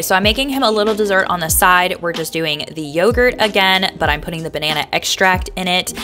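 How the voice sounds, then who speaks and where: Woman vlogger, upbeat and chatty, slightly low pitch, narrating over faint music. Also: fairly bright tone. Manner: chatty, upbeat, uses many fillers. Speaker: lunch prep vlogger.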